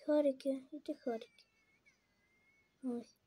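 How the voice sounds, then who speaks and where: A young woman giving gameplay commentary, talking to the game's characters and repeating her questions, switching between hushed whispers and sudden loud outbursts. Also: sits high, steady tone, no room sound. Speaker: gamer.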